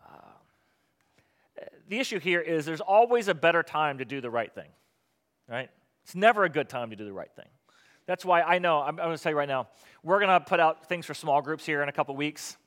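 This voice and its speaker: A man's voice: fairly high pitch, expressive, a little fast, pauses often, a bit bright. A man preaching a sermon as pastor, earnest and at times sarcastic. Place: church hall. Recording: long hall reverb.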